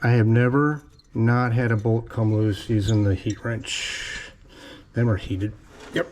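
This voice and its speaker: A man's voice: fairly low pitch, fairly even intonation, measured pace, darkish tone, a little hiss or hum. A man talking casually as a mechanic in his garage, muttering to himself in short bits of shop talk while he works. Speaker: mechanic restoring an old car in a home garage. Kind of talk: casual hands-on workshop vlog. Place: home garage.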